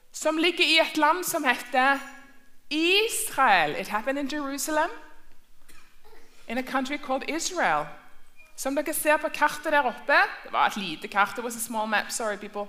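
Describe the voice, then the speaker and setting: A woman's voice: high voice, expressive, pauses often, bright, forceful tone. A woman teaching a children's church class, asking questions and repeating herself in two languages. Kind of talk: bilingual Sunday school lesson.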